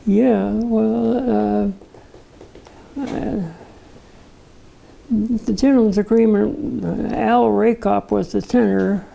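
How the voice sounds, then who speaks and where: Gravelly older man reminiscing slowly. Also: high-pitched, fairly even intonation, dark tone, rough recording. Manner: gravelly, unhurried storyteller with many "uh" pauses. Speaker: interview guest, retired barbershop tenor. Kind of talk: casual reminiscing interview.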